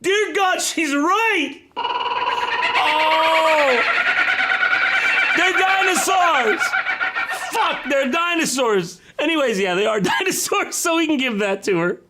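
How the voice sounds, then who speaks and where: A man's voice: extremely high pitch, animated, heavy background noise. A man commenting with sarcastic jokes while reacting to a dating show clip. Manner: sarcastic, quick jokes, laughing. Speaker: reaction video host. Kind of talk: comedic commentary. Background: background music.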